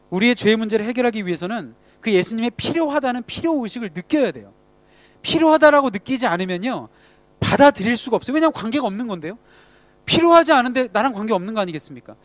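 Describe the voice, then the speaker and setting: A man with a high speaking voice delivers a conversational sermon to a youth group. He keeps asking the congregation questions, and his voice sinks quietly at the ends of phrases. The sound is dry and close. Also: dry recording.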